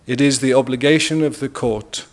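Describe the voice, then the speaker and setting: Measured British man giving a legal briefing. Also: mid-range voice, fairly even intonation. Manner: measured and deliberate, stressing key words. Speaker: international lawyer speaking at a press briefing. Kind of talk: formal legal presentation.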